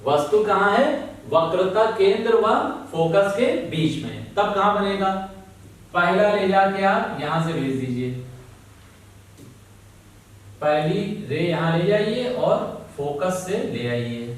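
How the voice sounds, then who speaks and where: Male teacher, slow and patient, checks in often, heavy room echo, mic far off. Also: sits high, animated. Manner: slow, repeats key words, keeps asking "ठीक है ना?"; calls students "बेटा". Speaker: physics teacher. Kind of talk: classroom lesson.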